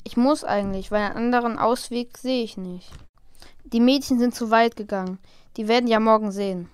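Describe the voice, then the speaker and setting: A bullied schoolboy in an amateur audio drama, acted out by a woman. The voice is high and clear, hurt and pleading, recorded close and dry. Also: fairly even intonation, a little fast, darkish tone, dry recording, close to an everyday voice. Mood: dark, troubled.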